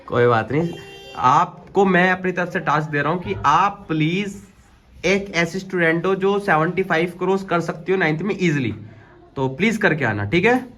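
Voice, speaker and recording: Young male teacher, higher register, casual encouraging classroom talk, roomy echo. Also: fairly bright tone. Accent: Delhi Hindi. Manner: encouraging, conversational. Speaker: math teacher.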